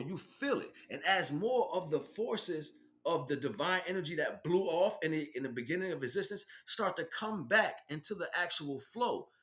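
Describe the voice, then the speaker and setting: This spiritual teacher improvises a lecture in a high, bright, forceful voice. He preaches emphatically, repeating phrases and throwing out rhetorical questions.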